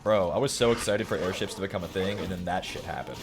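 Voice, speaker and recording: A man's voice: deep voice, fast. A man in his late twenties streaming a game, chatting casually and joking while he reads his chat aloud. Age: late 20s.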